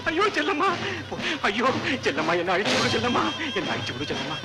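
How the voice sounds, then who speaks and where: A panicked man pleading to be let loose, his voice pitched very high and frantic. It sits in an old film soundtrack with the score swelling loudly underneath. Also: wildly swooping pitch, fast, over loud music. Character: terrified man begging to be freed. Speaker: film actor. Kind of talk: 1960s film acting.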